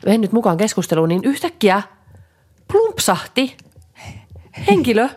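Woman chatting on a podcast, very lively pitch, loud bursts then low mutters. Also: slightly rough. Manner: animated storytelling, swings between loud bursts and low mutters. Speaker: podcast co-host. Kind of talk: casual chat.

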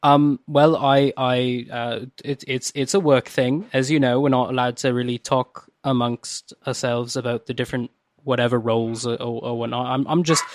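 A man's voice: mid-range voice, steady tone, normal speed, no echo, studio quality. A man playing a tabletop game, often stammering and repeating words. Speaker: player.

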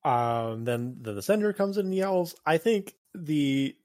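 A man co-hosting a podcast in casual chat, animated and joking, quick to laugh. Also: on the high side, no room sound, studio quality. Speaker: podcast co-host.

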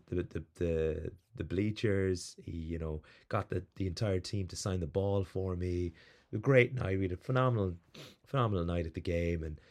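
Man, very low voice, podcast host, casual rambling storytelling, animated. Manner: rambling, animated, lots of fillers.

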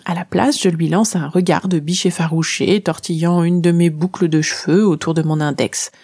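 A woman narrating a children's adventure in the first person, reading in a lively, expressive way. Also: fairly low pitch, moderate pace, slightly rough. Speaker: storyteller.

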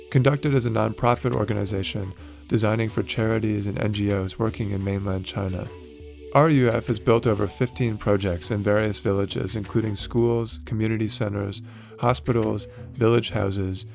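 A man hosting an architecture podcast, reading a scripted introduction in a measured presenter's delivery and then asking his guests questions. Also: lowish voice, gravelly, a little mellow. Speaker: podcast host.

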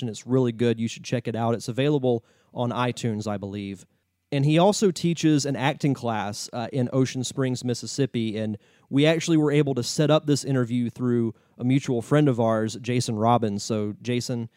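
A man's voice: mid-range voice, mellow, dry recording, studio quality. An American man speaking as a podcast host, talking conversationally and directly to listeners in a prepared introduction. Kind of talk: scripted podcast introduction and promo.

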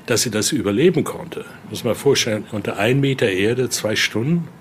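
An older man, a museum guide being interviewed, explains and tells stories like a tour guide, speaking spontaneously and frequently tacking on little questioning tags. His voice is medium-pitched at a normal speed. The indoor exhibition room gives the recording clearly noisy ambience.

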